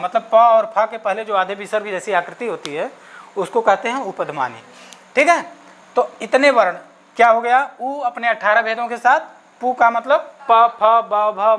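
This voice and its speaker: Male teacher leading an exam-prep grammar lesson at a slow, patient pace, constantly checking in and answering his own questions. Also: sits high, fairly bright tone. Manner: asks questions and answers them himself; checks in often with "okay". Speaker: Sanskrit teacher.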